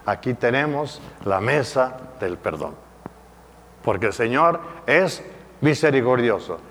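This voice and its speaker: A man's voice: medium pitch, very animated, a little slow, fairly bright tone, in a large hall, slight background noise. A man preaching a sermon as a priest, emphatic, with repeated rhetorical questions.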